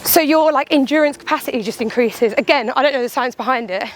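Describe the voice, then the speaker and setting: A woman talks candidly and casually while out on a run, animated and chatty, swearing lightly and acting out little imagined quotes as she goes. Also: high voice, quick pace. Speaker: runner and vlogger. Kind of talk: casual chatty vlog monologue.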